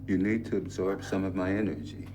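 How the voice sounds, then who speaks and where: An actor playing a mysterious, calm male stranger from another world, speaking in a measured, solemn, explanatory way in a film drama. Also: deep voice, background noise, close to an everyday voice. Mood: calm, insistent.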